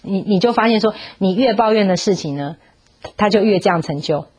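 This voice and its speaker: Husky-voiced woman telling a story. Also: medium pitch, lively intonation, brisk, a little mellow. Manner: storytelling, coaxing questions to the audience; mixes in English words. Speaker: parenting speaker. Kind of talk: parenting talk with a Bible story.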